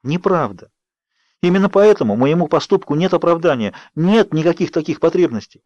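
A man's voice: on the high side, animated, a little fast, darkish tone, no room sound, voice pushed up, lightly acted. Bella, an anguished teen girl, as a man puts her on. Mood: pleading. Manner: pleading, urgent. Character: anguished teenage girl, pleading and fierce. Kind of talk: audiobook character reading. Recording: dry, slightly dull studio read.

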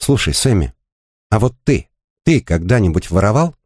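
A man's voice: fairly low pitch, big pitch swings, moderate pace, a little mellow, breathy edge, no echo, clean studio sound. A man doing a scared pleading young woman. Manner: pleading, tense. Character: frightened young female bike courier, pleading.

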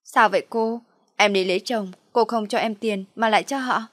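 A woman's voice: medium pitch, steady tone, normal speed, fairly bright tone, no room sound, studio quality, lightly acted. Woman voicing a chatty naive young maid. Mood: eager.

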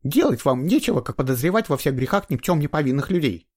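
A man reading a book aloud, voicing a hoarse, quarrelsome woman under forty who snaps scornfully at visitors. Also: expressive, quick pace, a little mellow. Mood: shrill, scornful. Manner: shrill and scornful, snapping back.

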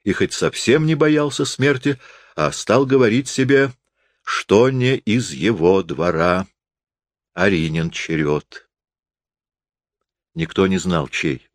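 A man reads a classic story aloud in a low, steady voice with calm, measured phrasing. The sound is close and dry, with no room around it. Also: no room sound. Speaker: narrator. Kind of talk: literary audiobook reading.

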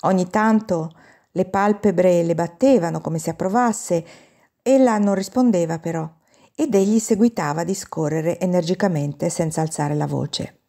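A woman's voice: on the low side, moderate pace, mellow. A woman reading a classic novel aloud as an audiobook, narrating expressively and lifting her voice for the characters' quoted lines. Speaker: audiobook reader.

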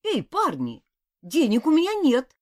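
A woman voicing a young novice monk, tired and defiant, trying to sound loud and sure. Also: high-pitched, wildly swooping pitch, measured pace, pitched above the performer's own voice, heavily acted. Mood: wary.

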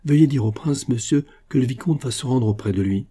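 A man's voice: mid-range voice, fairly quick, dark tone, slightly rough, pitched above the performer's own voice, close to an everyday voice. Grave, tender nobleman father, read by a man.

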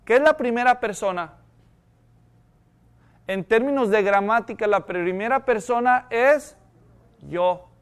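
A man's voice: high-pitched, a little slow, long pauses, smooth. A man preaching a sermon as pastor, asking the congregation one rhetorical question after another.

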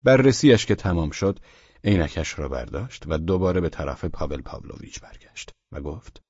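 A man narrating an audiobook in a calm, even storytelling manner. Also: low voice, husky, no echo, highs cut off.

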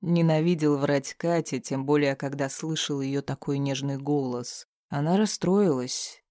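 A man's voice: fairly high pitch, unhurried, darkish tone, dry recording, studio quality. A man narrating a first-person audiobook in a tense, grim manner.

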